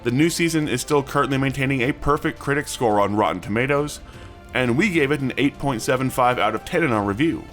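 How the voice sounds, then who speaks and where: A man's voice: medium pitch, lively intonation, a little fast, a bit bright. A man hosting and reading scripted news narration. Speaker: news host. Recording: music bed under the voice. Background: background music.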